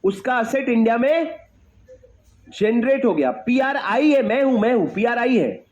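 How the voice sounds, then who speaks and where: A young male teacher lectures a classroom in a high, ringing voice. He talks emphatically, repeats his questions and calls out to students at the back. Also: lively intonation, measured pace, darkish tone, lo-fi sound.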